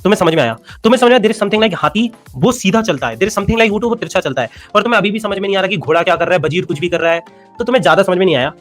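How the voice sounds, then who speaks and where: Young Indian male teacher, quick and teasing, lecturing physics over faint music. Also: sits high, animated. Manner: playful, teasing, mixes in English phrases. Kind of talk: animated classroom lecture.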